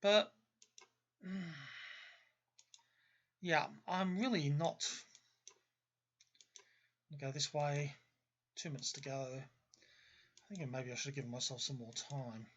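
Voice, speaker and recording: A man with a medium-pitched, steady voice talks slowly with frequent pauses and a breathy edge, and the audio sounds dull. He's an Australian who grew up in Melbourne and hosts a gaming video series, thinking aloud in casual commentary. His style is discursive, and he often qualifies or corrects his own statements.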